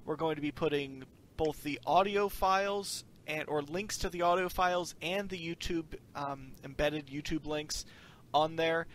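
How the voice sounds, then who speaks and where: A man's voice: on the high side, measured pace, a little hiss or hum. A man hosting a casual podcast chat, introducing the panel and making announcements. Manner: chatty, running the show with announcements. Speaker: podcast host.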